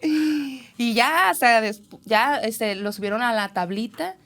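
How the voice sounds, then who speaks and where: A young woman with a Mexican accent tells a personal story in loose, casual chat. Her voice sits a touch high, and she swears freely as she goes. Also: takes it slowly, fairly bright tone. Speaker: guest.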